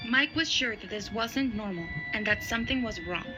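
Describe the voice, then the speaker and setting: A woman reading a scripted horror story in an even, measured way. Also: on the high side, lo-fi sound. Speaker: narrator. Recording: music playing underneath.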